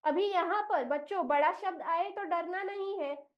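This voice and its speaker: A woman from India trains teachers in English reading, spelling words out slowly and mixing Hindi with English phrases. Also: extremely high pitch, lo-fi sound. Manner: slow, deliberate spelling out of letters and syllables.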